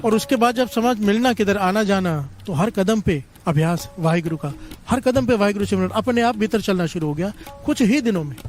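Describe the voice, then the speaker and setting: Guy preaching, pretty high voice, keeps getting the crowd to call back, soft music under it. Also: a little fast. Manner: leads call-and-response with the congregation. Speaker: Sikh preacher. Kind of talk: devotional sermon storytelling.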